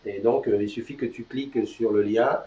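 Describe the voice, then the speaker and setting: A man's voice: lowish voice, steady tone, normal speed, mellow. A man hosting a live morning show, chatting casually and upbeat, announcing news and teasing his co-host. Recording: distant, roomy, dull sound.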